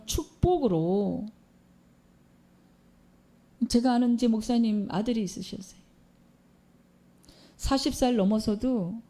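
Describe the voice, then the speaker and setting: Woman preacher, fairly high and mellow voice, storytelling sermon with rhetorical questions. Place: church.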